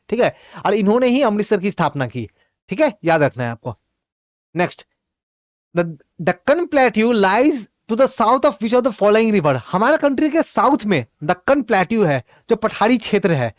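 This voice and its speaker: A native Bhojpuri speaker teaches exam-prep geography quiz questions in Hindi, reading each question slowly and then explaining the answer with quick, repetitive asides. His voice is high, with no echo and the highs cut off.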